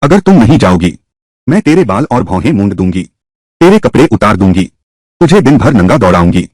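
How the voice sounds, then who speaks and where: A man's voice: on the low side, sing-song, a little fast, a little mellow, dry recording. A man voicing a scheming, harsh middle-aged mother in a dubbed drama, threatening and commanding.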